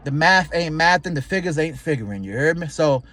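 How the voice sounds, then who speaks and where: Young male vlogger, slightly high voice with a lisp, slangy and emphatic casual delivery. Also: expressive, brisk, bright, forceful tone. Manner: slangy, emphatic, repeats phrases for effect. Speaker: YouTube vlogger. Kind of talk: casual confessional vlog talk.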